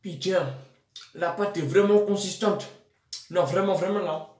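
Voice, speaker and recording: A man's voice: high voice, measured pace, darkish tone. Young man chewing while talking, echoey. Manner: blunt, exclaiming, slangy. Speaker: food vlogger. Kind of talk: casual taste-test vlog. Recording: echoey room with faint music.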